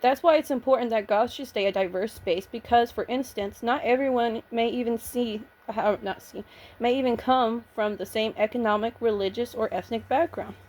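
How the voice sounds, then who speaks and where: A woman with a slightly high voice talks straight to camera in a loose, blunt vlog rant. She swears freely and sounds nervous and shaky, pushing through restarts as she argues her point. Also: moderate pace, a little mellow. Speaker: vlogger. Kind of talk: casual ranting vlog.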